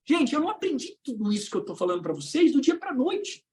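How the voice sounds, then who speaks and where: A Brazilian-accented woman leads an online coaching talk for would-be trainers and speakers. Her voice sits a little high and leaps up and down in pitch. She punches some phrases out loudly and then drops to a hushed low. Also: quick pace, a little hiss or hum. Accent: Brazilian Portuguese. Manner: animated, swings between loud emphasis and hushed lows.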